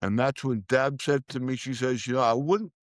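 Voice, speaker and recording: Telling his life story emotionally on a podcast, a middle-aged guest acts out the dialogue he quotes. His mid-range voice keeps fairly even intonation at a normal pace, and there's no echo.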